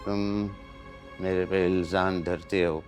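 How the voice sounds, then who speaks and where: An older actor with a Pakistani accent playing a guilt-ridden father who speaks in a slow, heavy, reproachful way. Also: sits low, little pitch movement, faint music behind. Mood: remorseful.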